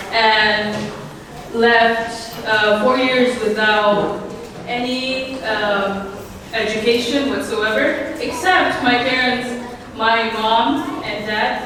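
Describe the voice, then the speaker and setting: A woman's voice: on the high side, fairly bright tone. A teenage girl from Syria giving a nervous, hesitant personal speech at an event, with many fillers and small laughs. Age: teens. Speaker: new citizen speaker. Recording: echoey hall from far off, noisy.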